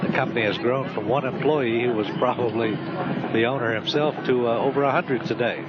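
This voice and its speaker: A man's voice: mid-range voice, fairly quick, heavy background noise. An American man giving chatty, conversational live commentary as a parade broadcaster. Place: outdoors at a street parade. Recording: dull lo-fi, loud band music and crowd. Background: loud music and crowd.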